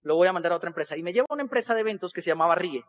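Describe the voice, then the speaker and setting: A man's voice: high voice, rapid-fire, lo-fi sound. A Colombian man telling a humorous life story to an audience, acting out the people in it. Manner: animated, acts out other people's voices in dialogue.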